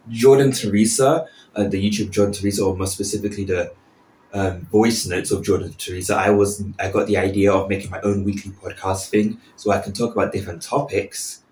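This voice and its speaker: A man's voice: deep voice, darkish tone. A man in his early twenties rambling casually and unscripted as a podcast host, often interrupting himself, recorded in an echoing bathroom. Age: early 20s. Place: small indoor bathroom. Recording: echoing bathroom, some background noise.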